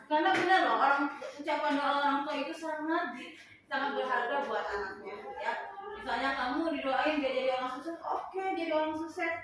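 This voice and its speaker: A woman's voice: high-pitched, fairly quick. A middle-aged woman school counselor giving a classroom guidance lesson to students in a casual, conversational, teasing way. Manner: conversational, chatty, teasing the class, with lively rises. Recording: echoey classroom from far off, noisy.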